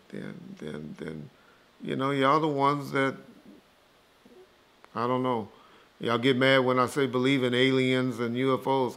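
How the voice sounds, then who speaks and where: Medium in pitch and a bit bright, this man's voice carries casual, profane, opinionated talk. As an interview guest shooting down rumors, he's blunt, dismissive, and emphatic, repeating himself to drive his points home and swearing freely.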